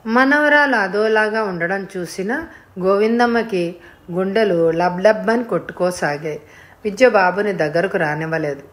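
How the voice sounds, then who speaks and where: A woman narrating a novel for an audiobook. Her delivery is calm and steady. She keeps a middle pitch for her sex. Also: normal speed. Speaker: audiobook reader. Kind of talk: storytelling narration.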